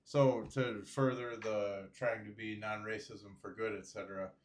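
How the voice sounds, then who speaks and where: A man's voice: fairly low pitch, flat delivery, a little slow. A man co-hosting a casual podcast, making dry, blunt remarks. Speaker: podcast co-host. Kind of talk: casual chat. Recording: echoey room.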